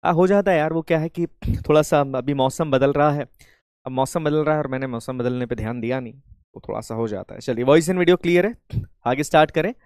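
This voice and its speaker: A man's voice: fairly high pitch, brisk, a little mellow, smooth, dry recording, studio quality. A man teaching a live online class, repeatedly checking whether students can hear him and mixing English phrases into his talk, sounding slightly unwell. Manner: hybrid Hindi-English, chanting patriotic greetings, repeatedly checking audio.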